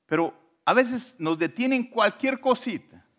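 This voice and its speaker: A man, preaching a sermon in a church, dropping to soft low asides and then rising to emphatic lines. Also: expressive, unhurried. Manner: retells scripture with acted quotations. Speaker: pastor.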